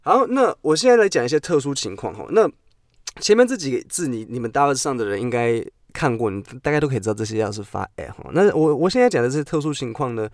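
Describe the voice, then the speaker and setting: A man teaching English pronunciation on a podcast, playful and repeating words slowly for drilling. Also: mid-range voice, very animated, dry recording, clean studio sound. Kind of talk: podcast lesson. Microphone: podcast mic.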